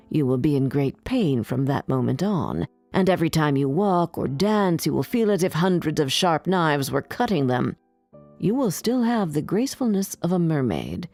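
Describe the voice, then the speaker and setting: A woman voicing a wicked old female sea witch, speaking slowly and low with a cold, threatening manner. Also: a little mellow, exaggerated voice.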